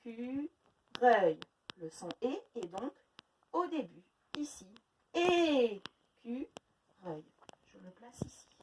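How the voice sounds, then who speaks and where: A woman teaching a phonics lesson to young children, sounding out words slowly syllable by syllable. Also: high-pitched, very animated, darkish tone, distant mic, low-quality recording. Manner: slow, exaggerated syllable-by-syllable pronunciation. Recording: faint noise, voice a little off-mic.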